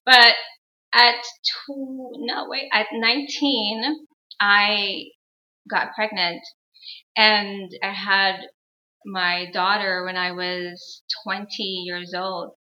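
A young adult woman from Guyana, a guest healer and educator, telling her life story in a measured, earnest way with frequent pauses. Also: medium pitch, flat delivery, sharp tone. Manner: measured, earnest, pausing often. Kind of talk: reflective personal storytelling. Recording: roomy, dull lo-fi sound.

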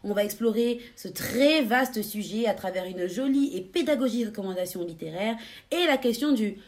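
A young woman co-hosting a casual podcast, bubbly, laughing often and filling pauses with hesitations. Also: medium pitch, lively intonation. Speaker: podcast co-host.

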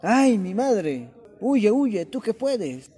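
A dopey, jumpy dog, voiced by a man with a high, whiny voice. Soft music plays under this children's storybook drama. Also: very animated, drawn-out words, breathy edge, exaggerated voice. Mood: fretful. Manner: whiny, easily startled. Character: dim-witted fretful dog.

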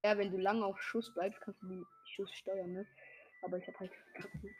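A young woman chatting casually while playing a video game with a friend, excitable and trash-talking in slang. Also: mid-range voice, normal speed, a little hiss or hum. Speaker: gamer. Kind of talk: casual gaming chat.

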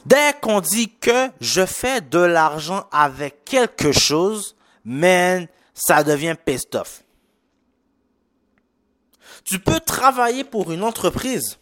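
A young Québécois podcast host with a slight Haitian lilt rambles through a solo monologue, full of fillers, restarts and English slang. His pitch swings up and down with plenty of life, but he takes his time with the words. The recording is close and dry, with no room sound. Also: big pitch swings, slow, fairly bright tone, no echo. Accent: Québécois French with a slight Haitian touch. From Quebec.

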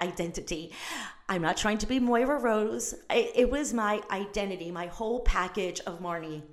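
A middle-aged woman hosting a podcast, talking on her own in a chatty, gushing way that breaks off and restarts mid-sentence. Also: medium pitch. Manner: gushing, chatty, self-interrupting. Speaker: podcast host. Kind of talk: casual solo podcast monologue.

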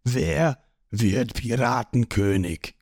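A man voicing a boastful, hot-tempered male pirate boss who shouts and mocks, in a read-aloud manga story. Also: mid-range voice, expressive, slow pace, gravelly, no echo, studio quality, full character voice. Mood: blustering. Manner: blustering, shouting, mocking.

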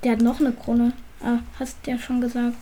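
A woman's voice: fairly high pitch, completely flat delivery, a little fast, dark tone. A woman playing along in a gaming session, dramatic and exclaiming about every mishap. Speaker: co-player. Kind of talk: excited gaming chatter.

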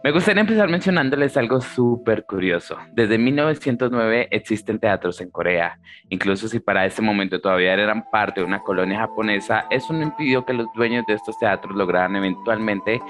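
A man's voice: fairly low pitch, expressive, a little fast, fairly bright tone. A man from Colombia co-hosting a podcast, talking with enthusiasm and often saying wow. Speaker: podcast co-host. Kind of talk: semi-scripted podcast chat.

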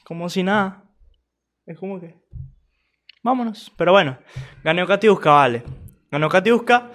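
A man with a Venezuelan accent talks over a video in relaxed commentary, slipping into laughter and slang as he retells the action. His voice sits a little high for a man. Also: normal speed. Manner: laughing, animated, slangy storytelling. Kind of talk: casual reaction commentary.

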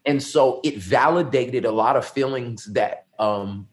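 Middle-aged man, pastor, earnest and reflective, mid-pitched voice, relaxed conversational interview answers. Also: unhurried. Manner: earnest, reflective storytelling with many ums. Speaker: lead pastor.

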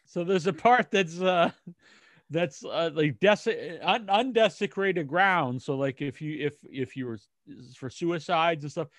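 As a podcast co-host, this American man rambles through casual chat, hesitating and restarting his sentences. His voice is a little high with a fairly bright tone, and the recording is dry.

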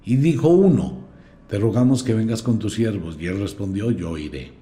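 A man's voice: on the low side, normal speed. A man, hosting a podcast and reading scripture aloud with blunt, mocking commentary. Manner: mocking, blunt, lively storyteller. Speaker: podcast host. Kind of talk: scornful commentary with Bible reading.

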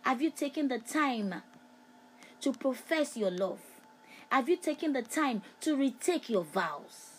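A woman's voice: high voice, sing-song, a little slow, slight background noise, low-quality recording. A woman preaching a prophetic sermon, repeating phrases with emphatic, rhythmic delivery. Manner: repetitive, emphatic, preacher's cadence.

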